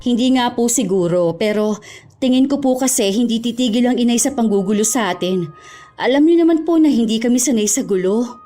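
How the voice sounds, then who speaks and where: A hurt young daughter played by a woman who speaks politely and softly, with sadness weighing on every line. Her voice sits a little high, with faint music behind. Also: a little fast, close to an everyday voice. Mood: sad. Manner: polite, soft-spoken, sad. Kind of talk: Tagalog audio drama acting.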